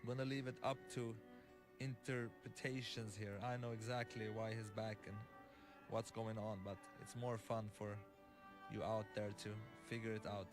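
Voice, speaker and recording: A man giving developer commentary on his own game, halting and full of fillers and restarts. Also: on the low side, little pitch movement, music in the background.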